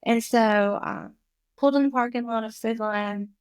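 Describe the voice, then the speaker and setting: A woman in her fifties, a podcast guest, telling a personal story in an animated, emotional way. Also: fairly high pitch, moderate pace, clean tone, no echo. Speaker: guest, recovery school founder.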